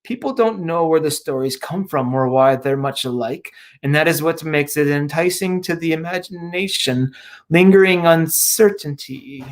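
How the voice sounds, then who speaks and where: A man reading aloud, voicing a mysterious male stranger who speaks slowly and insinuatingly in a horror story. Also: fairly high pitch, lightly acted. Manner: slow, drawn-out, hissing delivery.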